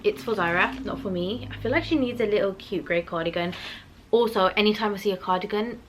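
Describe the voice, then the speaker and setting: A woman's voice: medium pitch, a little fast. A British woman chatting casually to viewers as a haul vlogger, with a bubbly, gushing, emphatic manner. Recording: noisy recording with clicks.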